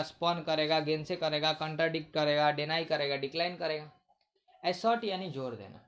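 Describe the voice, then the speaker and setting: A man teaching English vocabulary in Hindi, asking questions and answering them himself, repeating words often. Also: on the high side. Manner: repetitive, asks questions then answers them. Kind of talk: casual Hindi vocabulary lesson.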